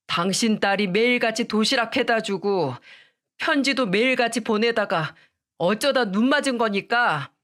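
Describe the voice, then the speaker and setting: A woman's voice: on the high side, fairly bright tone. A woman voicing a firm, decisive young man who speaks bluntly in a storybook drama. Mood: scornful. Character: firm, cool-headed young man, a lawyer.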